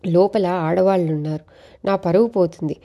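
A man's voice: high-pitched, steady tone, normal speed, highs cut off. A woman voicing a cowardly, stingy male merchant who talks nervously and pleads, in a read-aloud storybook tale. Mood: pleading.

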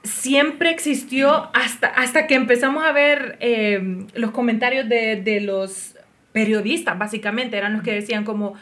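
A woman hosts a podcast conversation. She chats easily and keeps encouraging her guest. Her voice sits a little high. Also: steady tone, measured pace, a bit bright. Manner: chatty, encouraging backchannel. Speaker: podcast host. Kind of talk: casual interview conversation.

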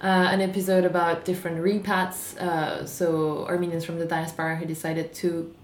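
A woman's voice: lowish voice, level tone, moderate pace, slight background noise. Earnest young woman, slightly worn voice. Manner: earnest, talkative. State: losing her voice. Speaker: podcast co-host. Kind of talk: casual chat. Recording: echoey room with faint ambience.

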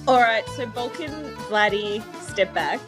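Slow-talking giggly woman podcaster. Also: medium pitch, over music. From Australia. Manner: giggly, teasing. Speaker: podcast co-host. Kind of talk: casual chat.

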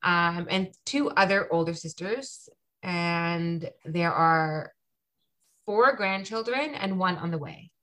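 A woman in her thirties from Toronto, chatting casually as a podcast guest with lots of ums and quick asides. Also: fairly low pitch, expressive, a bit bright. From Canada (Toronto). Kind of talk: casual conversation.

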